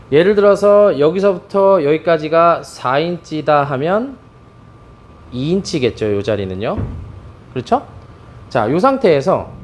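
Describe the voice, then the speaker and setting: A man's voice: on the high side, slight background noise. A middle-aged man, a bowling pro, giving an instructional demonstration, with frequent cues to his viewers as he explains. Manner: lively, animated explaining with many "자" cues.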